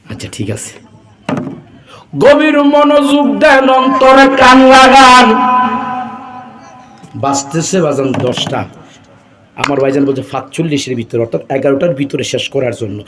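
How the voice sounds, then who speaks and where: A man preaching a Bengali waz sermon, swinging between chatty asides and loud sing-song chanting, calling out to the crowd for responses. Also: mid-range voice, a little hiss or hum. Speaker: Islamic preacher at a religious gathering. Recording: echoey public address with a crowd.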